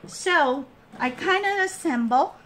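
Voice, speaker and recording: Slow, halting woman giving a craft tutorial. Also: sits high, lively intonation, a bit bright. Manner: halting, trailing off and restating steps. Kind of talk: casual hands-on tutorial, explaining each step.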